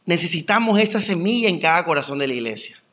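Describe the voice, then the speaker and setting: A young man preaches in a loose, conversational way, spinning stories and throwing rhetorical questions at the congregation. His voice sits a bit high and rings bright and forceful. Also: fast. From Colombia. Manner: animated storytelling with rhetorical questions. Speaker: pastor. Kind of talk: conversational sermon.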